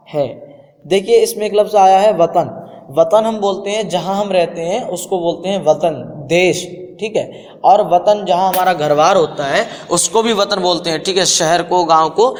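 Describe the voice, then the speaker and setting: A man teaches a beginner lesson at a slow, deliberate pace, spelling out each syllable patiently and repeating words. His voice sits a little high, and a long reverb trails behind it. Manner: patient, repeats and spells syllables, says "theek hai" often. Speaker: Urdu teacher.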